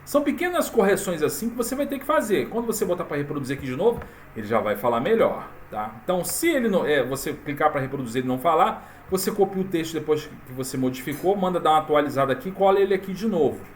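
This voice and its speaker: A man walking viewers through a software tutorial in a casual, chatty way, full of fillers and tag questions. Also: on the high side, animated, fast, hardly any pauses, a little hiss or hum. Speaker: tutorial presenter. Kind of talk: casual screen-recorded tutorial.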